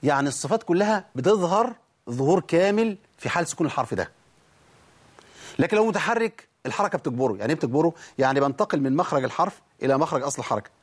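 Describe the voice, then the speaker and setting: In a tajweed lesson, a man with an Egyptian Arabic accent teaches the rules of Quran recitation, posing questions and answering them himself and demonstrating how sounds are pronounced. His voice is a little high, expressive and slightly rough, and he talks very fast.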